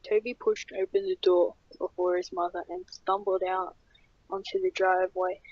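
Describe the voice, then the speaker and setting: A woman reading a horror story aloud in a plain, steady voice. Her tone is slightly husky and breathy. The recording is dull and lo-fi. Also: mid-range voice, moderate pace. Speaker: narrator.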